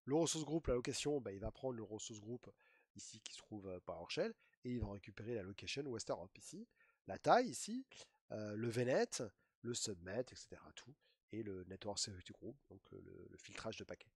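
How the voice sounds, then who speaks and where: A man's voice: lowish voice, lively intonation, fairly quick, breathy edge, no echo, studio quality. A man giving a chatty screen-share tutorial, walking through steps with many fillers and playful asides. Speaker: IT trainer.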